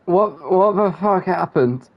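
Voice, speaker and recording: A man's voice: high-pitched, expressive, slow pace, dull audio, a little hiss or hum. A man streaming a game live, chatting in a rambling, giggly way that keeps interrupting itself. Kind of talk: live gameplay commentary.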